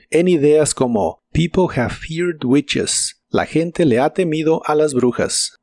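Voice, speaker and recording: A man teaching English vocabulary in a scripted lesson, modelling each word slowly and carefully. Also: a little high, dark tone, no room sound. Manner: slow, careful model pronunciations.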